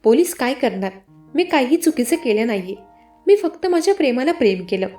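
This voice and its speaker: A woman voicing an obsessed, possessive older man who shouts and clings to a woman he calls his own. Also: extremely high pitch, big pitch swings, brisk, soft background music. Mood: obsessive. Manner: possessive, yelling.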